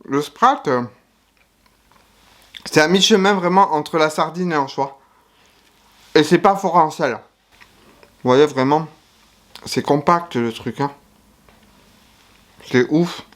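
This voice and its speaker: A man's voice: fairly high pitch, slow, pauses often, fairly bright tone. A man giving casual food-tasting commentary to camera, chatty and frank, sometimes talking while chewing. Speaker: YouTuber tasting foreign food.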